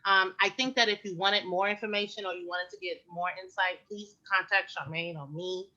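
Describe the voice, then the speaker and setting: A woman health educator talks frankly and animatedly, tossing in rhetorical questions and fillers. Her voice is bright and forward. The recording is muffled and lo-fi. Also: on the low side, steady tone, moderate pace. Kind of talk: casual conversational advice.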